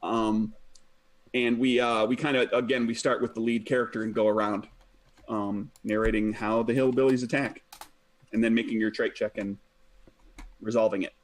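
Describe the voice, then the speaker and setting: A man's voice: on the low side, normal speed, pauses often. Man explaining game rules. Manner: relaxed, with many fillers. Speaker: game master.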